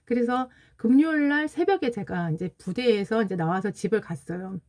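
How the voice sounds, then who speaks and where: Her fairly high-pitched voice is animated and darkish in tone, moving at a normal speed. A woman in her forties hosting a casual livestream, she earnestly relates an emotional story from her own life while saying hello to viewers who join.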